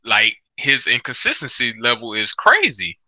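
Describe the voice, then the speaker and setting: A man's voice: medium pitch, wildly swooping pitch, moderate pace, bright, forceful tone, dry recording. A man in casual sports chat, talking in a slangy, bro-heavy buddy manner.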